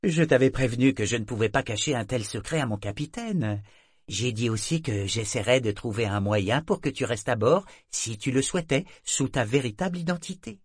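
A man's voice: medium pitch, moderate pace, slightly rough, dry recording, clean studio sound. Man voicing Ophélie, a rich-voiced ship figurehead. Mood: protesting. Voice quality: rich timbre. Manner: energetic, chiding. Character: lively female living ship figurehead, fond and teasing.

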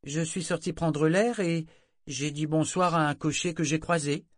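A man's voice: lively intonation, a little fast, dry recording, clean studio sound, lightly acted. Man playing a sulky, defiant teenage girl. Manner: sulky, petulant, shrill when upset.

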